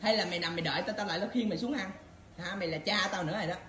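Her voice is on the low side, a bit bright, and rapid-fire as she tells off her partner at home. The same gripes and empty threats come around repeatedly in this casual domestic spat, heard in an echoey room with faint background noise.

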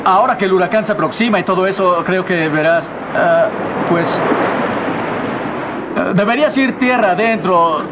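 A man's voice: high voice, normal speed, long pauses, heavy background noise. A man playing an earnest, uneasy, reflective police officer in dubbed film dialogue and narration. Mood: hesitant, concerned.

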